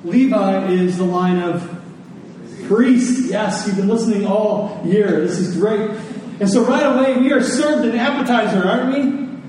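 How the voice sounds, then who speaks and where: Unhurried and high-voiced with a darkish tone, a man preaches to a congregation, emphasizing his points with rhetorical questions and repetition. Strong room echo, a faraway microphone, and faint noise mark the recording.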